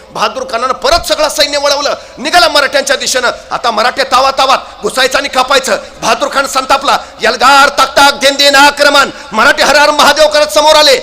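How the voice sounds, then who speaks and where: A woman telling a historical battle story with lively drama, building to shouted battle cries with playful asides. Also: a little high.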